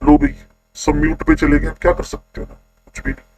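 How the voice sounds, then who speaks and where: A man teaching a chemistry class online, constantly quizzing his students with quick questions. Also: a little high, very animated, vocal fry, a little mellow, low-quality recording.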